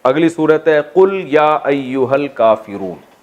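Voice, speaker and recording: A man's voice: on the high side, muffled recording. Pakistani man lecturing a Quran class. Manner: explains by asking the class questions and answering them himself; lively, jokes with the students. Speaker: Islamic scholar teaching Quran exegesis.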